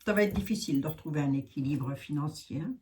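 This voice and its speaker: Woman, Lorraine French accent, frank chatty card reader, fairly low voice. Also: fast, warm tone, slight background noise. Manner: chatty, frank, thinking aloud with many fillers. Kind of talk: casual card reading monologue.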